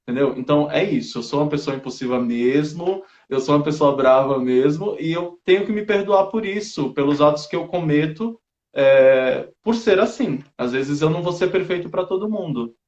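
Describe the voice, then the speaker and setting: A man joins a live talk and speaks earnestly, halting and restarting as he looks for the right words. His voice is somewhat high for a man. The audio is muffled and echoey. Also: a little mellow.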